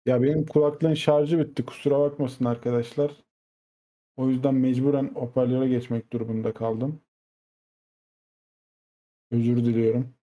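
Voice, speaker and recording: A man's voice: mid-range voice, little pitch movement, moderate pace, long pauses, dark tone. A man co-hosting a casual tech news podcast, talking on speakerphone with the mic moved away from him, easygoing and apologetic. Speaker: co-host presenting tech news. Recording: distant speakerphone sound with echo.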